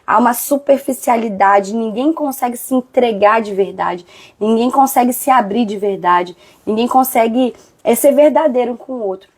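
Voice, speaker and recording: A woman hosting a live devotional talk, chatty and animated, acting out quoted friends. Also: fairly high pitch, normal speed, slightly rough.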